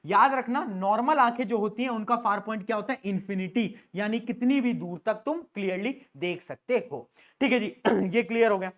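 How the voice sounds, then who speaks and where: A male teacher giving an energetic exam-prep lecture in a playful, teasing way, mixing English terms into his talk. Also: high-pitched, moderate pace. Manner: playful, teasing, calls students "beta"; mixes English terms into Hindi.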